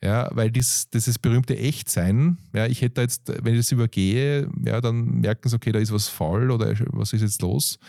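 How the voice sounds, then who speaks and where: A man's voice: medium pitch, moderate pace, vocal fry, few pauses, no room sound, clean studio sound. Austrian man telling stories with laughs. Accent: Austrian German. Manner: animated storytelling with frequent laughs and fillers. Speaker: guest, coach and stand-up comedian. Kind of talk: conversational interview.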